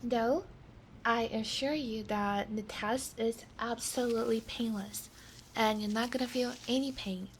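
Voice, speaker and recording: A woman in a whispered role-play as a reassuring doctor, talking softly and slowly and often dropping into a whisper. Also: on the high side, fairly even intonation, slight background noise, poor audio. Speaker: ASMR creator.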